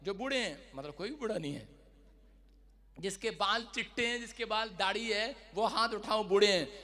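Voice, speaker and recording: Man, preacher, sermon, very high voice, bright, fervent, calls for responses. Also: moderate pace. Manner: fervent, swings from quiet storytelling to loud shouting.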